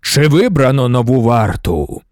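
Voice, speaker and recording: A man voicing an ancient, commanding male god-emperor for an audiobook, speaking slowly and ceremonially. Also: sing-song, darkish tone, no echo, clean studio sound. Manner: slow, booming, ceremonial pronouncements. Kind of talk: audiobook narration.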